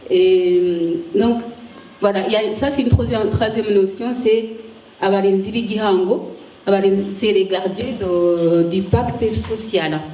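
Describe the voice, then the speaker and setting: Woman presenting research at a conference, warm and mellow, often pausing and restarting; recorded from afar in a reverberant room. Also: mid-range voice. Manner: halting, frequent restarts while searching for words. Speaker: conference speaker, ethics researcher. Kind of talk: academic conference talk with slides. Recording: echoey room, distant mic, faint hiss.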